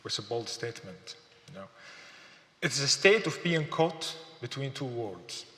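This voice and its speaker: A man from Syria speaks at a gallery symposium, thoughtful and halting, with fillers and repeated words. His voice sits at an ordinary middle pitch. The hall is roomy and echoes with a long reverb. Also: big pitch swings, sharp tone. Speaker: artist giving a symposium talk. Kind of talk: public lecture.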